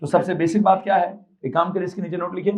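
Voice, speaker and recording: A male physics teacher from Pakistan lectures a class in a slightly high voice. He dictates notes slowly, repeats each phrase and keeps quizzing his students, switching between Urdu and English terms. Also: steady tone, rough recording.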